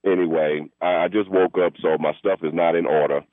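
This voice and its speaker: A man's voice: low voice, steady tone, brisk, dry recording. A man calling in to a radio show over the telephone, talking in an insistent, rambling, argumentative way. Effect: heard over a telephone line. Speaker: radio call-in caller. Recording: tinny phone line, dry.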